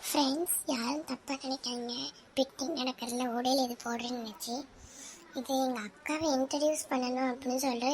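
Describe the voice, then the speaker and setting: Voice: sits high, steady tone, a little fast, slight background noise. A child hosting a home video channel and earnestly explaining things to viewers. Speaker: channel host. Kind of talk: casual vlog address.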